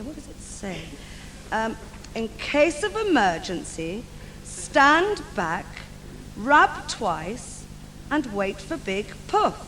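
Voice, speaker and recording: A woman's voice: fairly high pitch, background noise. A woman playing Aladdin as an earnest, plucky young hero in a stage pantomime, in an echoey theatre.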